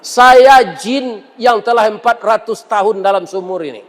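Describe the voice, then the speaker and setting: Gruff jinn from a well, as a preacher puts him on. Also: male voice, sits high, unhurried. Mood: grumbling. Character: huge male jinn from a well. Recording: reverberant mosque hall.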